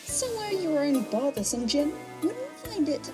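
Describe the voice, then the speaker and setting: In an audio drama, a woman voices a theatrical rabbit villainess, a mocking trickster who revels in her own show with hammy, showboating stage-host flair. Her high voice swings widely in pitch at a normal speed, smug and gloating. Music plays underneath.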